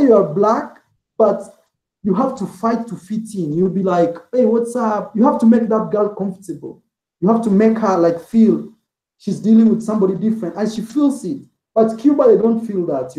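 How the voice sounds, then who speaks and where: A high-pitched, warm-toned man, a travel vlogger, rambles as a guest in a casual interview, leaning on "like" and "man" throughout. He speaks at a moderate pace with lively intonation, and the low-quality recording has a reverberant sound.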